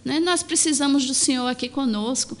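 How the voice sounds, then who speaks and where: A woman's voice: high-pitched, fairly quick, lightly acted. A woman reading the lines of a worried male disciple who pleads with his master, close to her own voice. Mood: pleading.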